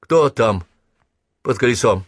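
A man's voice: medium pitch, expressive, slow pace, no echo. A man voicing a stern male police sergeant in an audiobook, calling out short commands. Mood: incredulous. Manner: barked commands.

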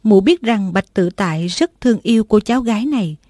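A woman reading a martial arts novel aloud as an audiobook narrator, in a steady storytelling manner. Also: medium pitch, a little fast, no echo, studio quality.

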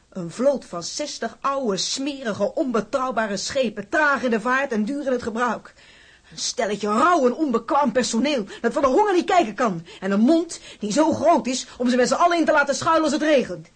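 In a radio drama, an actress plays a feisty, proud working-class wife who is fiercely loyal, blunt, and sardonic. Her female voice is a little high and slightly rough.

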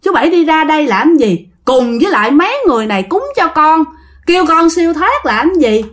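A woman with a Southern Vietnamese accent voicing a bitter, vengeful female ghost who scolds in a raised, shrill voice. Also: expressive, a little fast. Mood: gentle pleading.

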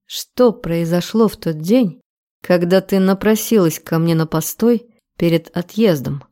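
A woman reading an audiobook, voicing an enraged young man who interrogates slowly and with menace. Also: on the low side, warm tone, natural voice. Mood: menacing. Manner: slow, threatening interrogation. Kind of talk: audiobook character voice.

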